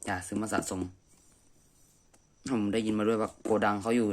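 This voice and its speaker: With a lowish voice, a level tone and a moderate pace, a man runs through an informal, unscripted review, thinking out loud. He's indoors in an untidy room, and the amateur home recording is distinctly noisy.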